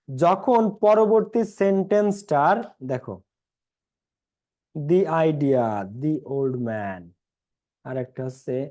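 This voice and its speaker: A man's voice: high-pitched, a little mellow. A young man with a Bangladeshi Bengali accent teaching an English class online, repeating points and quizzing his students.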